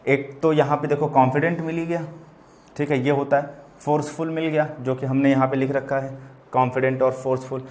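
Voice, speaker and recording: A mid-range, darkish male voice, with a little hiss or hum in the background, teaches vocabulary by explaining English words in Hindi. Sounding like a teacher at a board, he talks in a chatty, repetitive way and keeps turning to the students with affectionate asides, addressing them as "beta" and "bachche."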